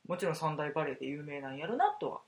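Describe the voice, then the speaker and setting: A woman's voice: low voice, animated, racing, a little mellow. A woman with a Kansai accent co-hosting a casual chat podcast, playful and teasing. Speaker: podcast co-host.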